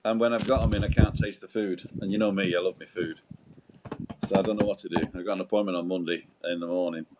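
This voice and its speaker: A man's voice: deep voice, fairly even intonation, fast. A man hosting a live stream in casual, chatty style. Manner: joking, teasing banter. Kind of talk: casual chat. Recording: internal microphone outdoors in wind.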